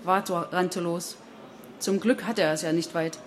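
Lower-pitched woman reading a novel. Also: fairly even intonation, a little slow. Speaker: narrator. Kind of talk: audiobook reading.

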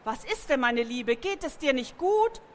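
A woman voicing a caring, bossy woman stable owner in a storybook, fretting and fast. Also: sits high, expressive, in a large hall, slight background noise. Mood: worried.

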